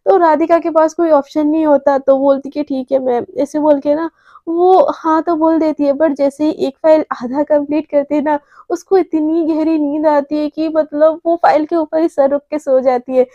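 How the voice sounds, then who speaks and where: A woman's voice: high-pitched, fairly even intonation, normal speed, dark tone, no room sound, highs cut off. A woman narrating a romance story in a chatty, rambling way full of fillers.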